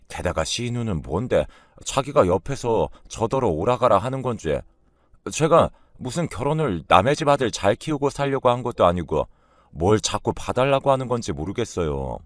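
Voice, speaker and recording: A man's voice: on the low side, no room sound. A man narrating a first-person family story in a complaining, resentful tone.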